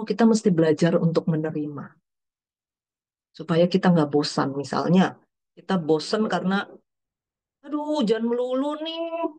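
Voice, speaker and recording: A middle-aged woman counselor giving an explanatory talk to parents, her voice rising and falling as she explains, with many fillers and quoted inner thoughts. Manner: lively, pitch swings up and down while explaining.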